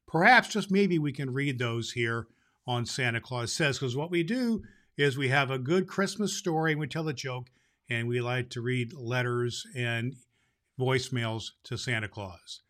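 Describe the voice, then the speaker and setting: A man's voice: a little slow, close to an everyday voice. A man playing jolly old Santa Claus. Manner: booming ho-ho laughs, warm storytelling. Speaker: host. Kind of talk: storytelling podcast.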